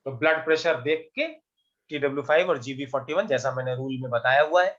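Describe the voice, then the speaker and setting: A man teaching an acupuncture class, quizzing his students with quick questions and mixing Hindi with English. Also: mid-range voice, a bit bright, lo-fi sound. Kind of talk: online class lecture.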